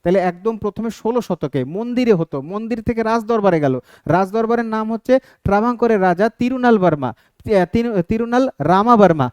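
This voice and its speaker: A man's voice: sits high, fast, a little mellow, smooth, no echo. A man teaching an exam-prep lesson, explaining step by step and often checking in with his students. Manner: explains step by step, keeps asking "ঠিক আছে?".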